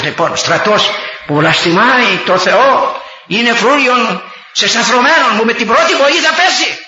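Older male preacher, passionate, bright cutting tone, dull lo-fi recording. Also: fairly high pitch, a little hiss or hum. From Greece. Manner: impassioned, rises to near-shouts, acts out dialogue. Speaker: priest, former army chaplain. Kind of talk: storytelling sermon. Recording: echoey, dull lo-fi room recording.

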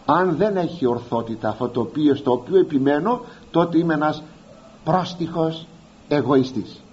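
A man preaching a sermon, speaking straight to his listeners and slowly drawing out the words he wants to stress. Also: a little high, a little mellow, highs cut off. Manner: addresses listeners directly as "beloved".

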